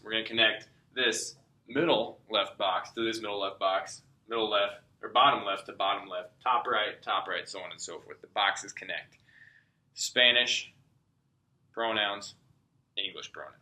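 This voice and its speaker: A man's voice: fairly low pitch, sharp tone. A man teaching a step-by-step language lesson, patiently explaining and checking in with "okay?" as he goes. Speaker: Spanish tutor. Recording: echoey room.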